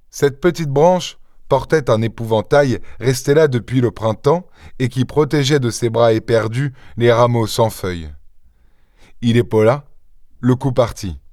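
A man reading a short story aloud in a measured, low-key narrating voice. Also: darkish tone, no room sound, clean studio sound. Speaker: audiobook reader. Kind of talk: scripted narration.

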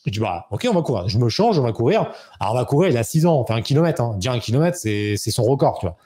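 A man in his thirties telling a personal story as an interview guest, animated and acting out quoted dialogue. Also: fast talker. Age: 30s. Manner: animated, acts out quoted dialogue with raised pitch. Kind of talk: casual storytelling.

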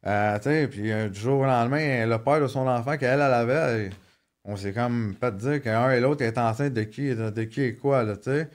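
Speaking at a normal speed in a mid-range voice, this podcast guest, a man in his thirties with a Quebec French accent, shares personal stories in casual chat. He jokes around and often restarts, with plenty of fillers.

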